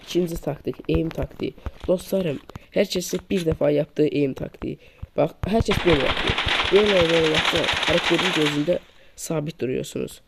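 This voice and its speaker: Speaking briskly with vocal fry, this man makes tips videos for a mobile shooter game, narrating a casual tutorial over screen recording. He repeats and shows every tip while calling his viewers friends, over a low-quality microphone with noisy gunfire and clicks behind him.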